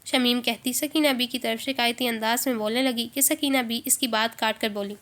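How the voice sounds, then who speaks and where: A woman narrating a serialized novel in a steady storytelling read. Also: on the high side.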